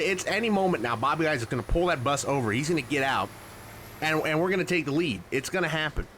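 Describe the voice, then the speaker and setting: A man calls a racing game live, sarcastic and excitable, trading mock outrage for deadpan asides. His voice is bright and forceful. Faint engine noise sits behind him. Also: fairly high pitch. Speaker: gaming channel host.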